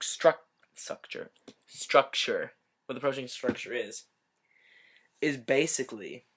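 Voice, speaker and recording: A man's voice: mid-range voice, fairly bright tone. A man casually explaining a biology topic in a rambling way, correcting himself often and cracking little jokes. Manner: rambling, self-correcting, joking asides.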